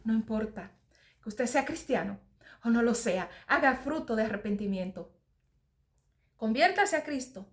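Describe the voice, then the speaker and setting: A woman preaching a sermon with an earnest, searching delivery. Her voice sits a little high. She reads verses aloud and circles back over her phrases as she explains them. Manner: earnest, repeats and restarts phrases while reading verses aloud. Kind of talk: sermon reading and explaining scripture.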